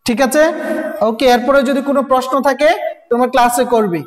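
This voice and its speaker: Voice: high-pitched, steady tone, a little fast. A teacher giving a recorded grammar lesson, constantly asking students rhetorical questions and repeating sounds. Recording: echoey room with long reverb.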